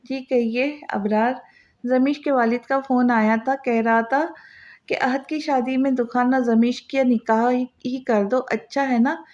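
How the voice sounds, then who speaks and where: A woman's voice: high voice, fairly even intonation, measured pace, darkish tone. A woman reading the lines of a doting, fussing old grandmother in an audio novel. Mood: pleading. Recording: slightly dull lo-fi audio.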